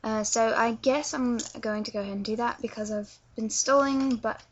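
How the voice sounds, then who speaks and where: A woman's voice: a little high, fairly even intonation, normal speed, slight background noise. A woman from London with a London accent, hesitantly explaining accents in a casual tutorial vlog and often stumbling over her words. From England. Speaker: vlogger teaching accents. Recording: dull lo-fi webcam sound.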